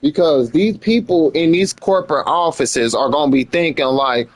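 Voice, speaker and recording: An American live streamer chats casually in slangy speech, repeating phrases for emphasis in his livestream commentary. His voice sits a little high, the pace is moderate, and the recording is dry.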